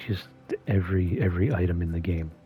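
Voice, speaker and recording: A man hosting a video in a soft-spoken, half-monotone voice that is often whispered and slightly strained. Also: sits low, fast talker, phone-quality sound, soft background music. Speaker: video host. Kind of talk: soft-spoken ASMR-style commentary.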